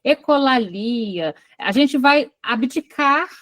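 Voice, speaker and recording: High-voiced Brazilian woman lecturing online. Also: animated, slow pace, no room sound. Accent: Brazilian Portuguese. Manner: reads a passage, then breaks off to quiz the class. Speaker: study group coordinator. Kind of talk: online psychoanalysis lecture, reading a case aloud.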